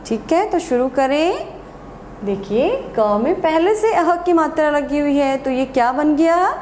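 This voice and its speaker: A woman's voice: high voice, lively intonation, darkish tone, roomy sound, a little hiss or hum. Sing-song woman teaching small children. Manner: slow, sing-song teacher voice with call-and-response questions. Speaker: Hindi teacher. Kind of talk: online class lesson for young children.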